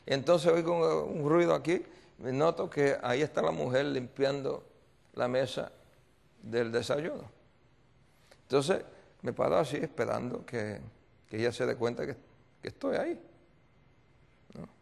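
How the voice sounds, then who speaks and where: A man's voice: mid-range voice, a little slow, vocal fry, pauses often, a little mellow. A male pastor preaching a seminar sermon, telling a story and repeatedly quizzing his audience with call-and-response questions. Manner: storytelling with acted voices.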